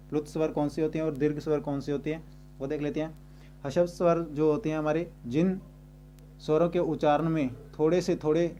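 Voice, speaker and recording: A man's voice: fairly high pitch, mellow, slight background noise. A man teaching a grammar lesson, explaining step by step and repeating points as he goes. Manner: repeats and rephrases slowly.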